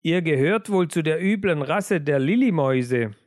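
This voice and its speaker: A man voicing a strong, bossy male mouse leader in a storybook reading, speaking slowly and sternly. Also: on the high side, animated, darkish tone, no echo, studio quality, lightly acted.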